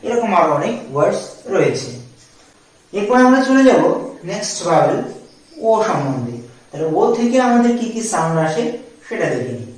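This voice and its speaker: Male phonics teacher with a slightly high voice, spells each word out letter by letter; very echoey room, set back from the mic. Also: very animated, darkish tone, distant mic. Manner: slow, spells words out letter by letter. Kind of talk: English phonics lesson.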